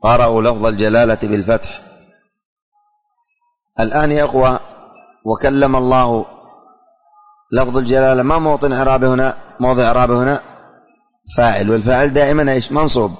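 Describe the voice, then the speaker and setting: A male teacher leading a religious lesson, repeating questions and quizzing his students. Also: medium pitch. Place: classroom. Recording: long hall reverb.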